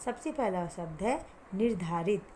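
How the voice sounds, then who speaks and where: A woman teaching Hindi vocabulary to children, asking and answering her own questions, mixing in English words, and having the pupils repeat hard words after her as she pronounces them slowly. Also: medium pitch, expressive, warm tone, slight background noise. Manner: drawn-out careful pronunciation of hard words.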